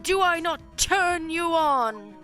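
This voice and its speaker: A woman's voice: very high voice, expressive, pushed and bright, soft background music, pitched above the performer's own voice, heavily acted. Woman putting on a drawling pompous tycoon man. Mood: grandiose. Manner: slow drawling grandiose delivery, mangles big words. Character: pompous flamboyant male company boss.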